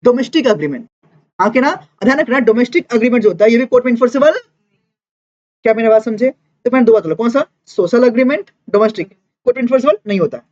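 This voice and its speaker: A woman teacher giving a lively classroom lecture, mixing Hindi and English and checking in with students constantly. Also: a little high, racing. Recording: dull lo-fi classroom recording.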